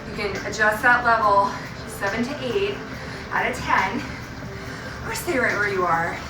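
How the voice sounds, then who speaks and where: Woman coaching indoor cycling over loud music. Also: mid-range voice, a little slow. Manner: motivational, instructing in short clipped cues. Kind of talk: fitness class coaching with countdowns and cues. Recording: roomy, distant mic under loud music. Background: loud workout music.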